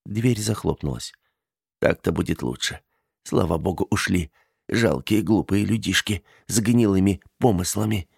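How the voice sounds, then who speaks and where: A man narrating an audiobook in a steady, measured way. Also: sits low, vocal fry, husky, dry recording, clean studio sound. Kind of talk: audiobook reading.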